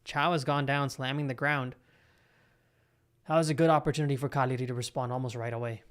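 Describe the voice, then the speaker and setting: A young man hosting a live football watch-along, calling the play with excitable reactions and chatting to his viewers. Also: medium pitch, fairly quick. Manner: excitable, talks to live chat between play calls. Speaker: live football stream host. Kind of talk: live match reaction commentary.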